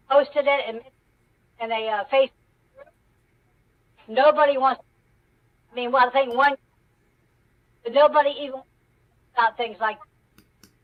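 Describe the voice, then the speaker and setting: High pitch-shifted caller with audio dropouts. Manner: halting, restarts mid-thought. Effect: audio cutting out in dropouts; pitch-raising voice changer. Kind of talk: call-in discussion. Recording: muffled distant call-in line with dropouts.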